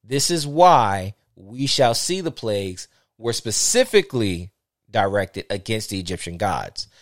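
A man's voice: on the low side, very animated, unhurried, no echo, clean studio sound. Man reading scripture, often self-correcting. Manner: stumbles and corrects himself while reading aloud. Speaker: podcast host reading scripture. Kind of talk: casual Bible reading with commentary.

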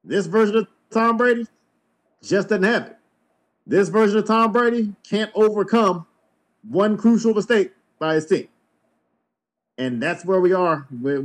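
A man hosting a sports podcast, giving blunt, emphatic opinions. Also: high voice. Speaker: podcast host.

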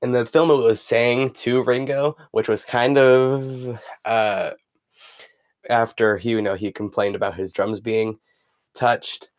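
A man's voice: medium pitch, steady tone, takes it slowly, no echo. A young man hosting a casual solo podcast, rambling with many fillers and reading passages aloud from a book. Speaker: podcast host.

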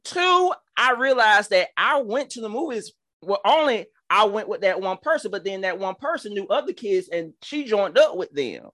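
A man's voice: high voice, big pitch swings, normal speed, few pauses, sharp tone, no room sound, clean studio sound. A man in his thirties from Georgia with a Southern accent, a podcast host and minister telling a testimony in a fervent, preacherly way with stammering restarts. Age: 30s. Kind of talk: testimony-style storytelling.

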